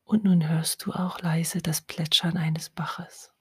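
A woman whispers a guided hypnosis at a very unhurried, drawn-out pace, her low, breathy voice close to the mic. The recording is dry, with no room sound around her. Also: steady tone, a little mellow, no room sound. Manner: slow soothing whisper.

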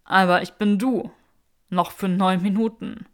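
A woman's voice: medium pitch, steady tone, a little slow, natural voice. Clever young witch in a man's body, read by a woman. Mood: flustered.

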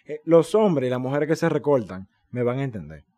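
A young man with a Dominican Spanish accent tells stories in a loose, slangy way on a casual podcast. His pitch jumps up and down as he gets worked up, and he swears freely. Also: a little fast. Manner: animated, slangy storytelling with swearing. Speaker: podcast co-host. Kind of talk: casual chat.

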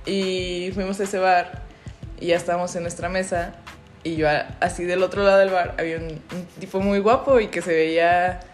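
A woman's voice: fairly low pitch, fairly even intonation, moderate pace, soft background music. A young woman with a Mexican accent, co-hosting a podcast and telling stories in casual slangy chat, laughing often. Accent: Mexican Spanish. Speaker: podcast co-host.

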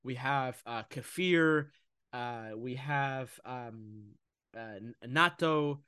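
A young man talking casually about food and nutrition in a podcast conversation, animated, often slipping into mocking voices. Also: medium pitch, slow, clean tone, dry recording, clean studio sound. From United States.

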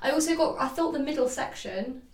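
A woman's voice: sits high, animated, fairly quick, echoey room, recorded from a distance. A woman co-hosting a casual book podcast, chatting with frequent restarts and laughs. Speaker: podcast co-host.

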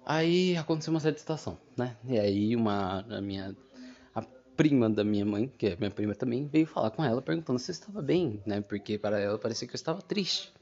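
A man's voice: mid-range voice, animated, fast, a little mellow. A young man hosting a casual solo podcast from home, rambling and losing his train of thought, with lots of fillers. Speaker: podcast host. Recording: dull lo-fi home recording.

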